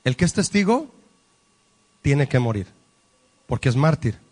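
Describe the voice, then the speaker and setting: A man's voice: medium pitch, big pitch swings, a little slow, darkish tone, husky. A man preaching a Bible-study sermon, emphatic and asking the congregation rhetorical questions. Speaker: pastor. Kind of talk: sermon teaching.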